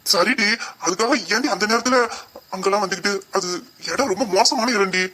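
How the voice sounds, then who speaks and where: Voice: mid-range voice, a little fast, crowd noise, close to an everyday voice. A performer playing a remorseful, loving young uncle in an audio drama, speaking tenderly and apologetically.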